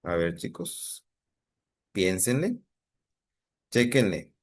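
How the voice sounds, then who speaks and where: A man's voice: on the low side, big pitch swings, extremely slow. A male teacher with a Mexican Spanish accent giving an online lesson and checking in patiently with his students.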